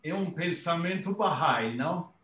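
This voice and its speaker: A man in the audience reciting a quote and commenting in a slow, deliberate way on a video call. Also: on the high side, animated, a bit bright, roomy sound, rough recording. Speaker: audience member. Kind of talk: quoting and commenting.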